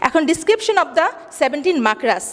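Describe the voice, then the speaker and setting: Female teacher, high voice, slow careful English, quizzes the class, reverberant room. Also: big pitch swings, fairly bright tone. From Bangladesh. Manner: explains in English then repeats in Bengali, asks questions and answers them; slow, deliberate English, faster Bengali. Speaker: school teacher. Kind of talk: classroom lesson. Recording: long hall reverb.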